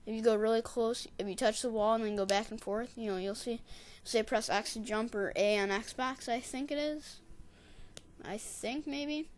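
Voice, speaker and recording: Rambling, excitable high-voiced gamer. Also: female voice, normal speed. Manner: rambling, digressive storyteller; excitable, shouts catchphrases when retelling. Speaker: gameplay commentator. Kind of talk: casual gameplay voice-over.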